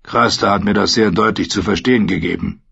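A man voicing a gruff, stern old commander who barks his orders, in an audiobook reading. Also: lowish voice, fairly quick, sharp tone, highs cut off, heavily acted. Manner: gruff, barking.

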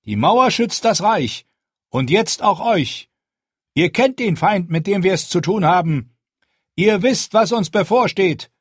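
In a dry, close audiobook reading, a man plays a stern young commander of a wall who rallies a crowd with forceful resolve. The voice rides high and loud with wide swings in pitch and a slightly husky grain. Each phrase lands with deliberate weight. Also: animated, no echo, full character voice. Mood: rallying. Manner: forceful, rallying speech. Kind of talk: audiobook character voice.

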